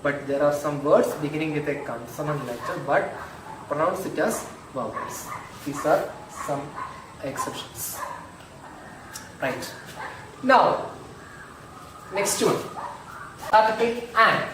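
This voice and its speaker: A male school teacher, slowly explaining grammar in an online lesson and repeating examples. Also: a little high. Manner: slow, repetitive, drills examples aloud. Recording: echoey room, distant mic, noisy.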